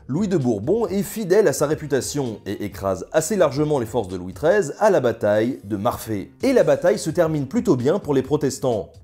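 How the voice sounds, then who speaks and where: A man's voice: mid-range voice, warm tone, husky. A man presenting a history video in scripted but casual narration, ironic and jokey, with colloquial asides.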